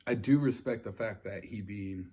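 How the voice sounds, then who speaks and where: A man's voice: lowish voice, moderate pace, warm tone. A man hosting a mukbang, chatting casually with a friend. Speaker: host of a mukbang food vlog.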